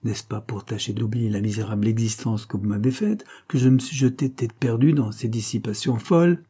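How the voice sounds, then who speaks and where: A bitter, trapped impostor duke, gloomy and defensive, played by a male audiobook reader. His voice is very dark and mellow, with a husky edge. He speaks like a man cornered by someone who holds power over him. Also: mid-range voice, fairly even intonation, brisk, lightly acted. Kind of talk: audiobook character voice.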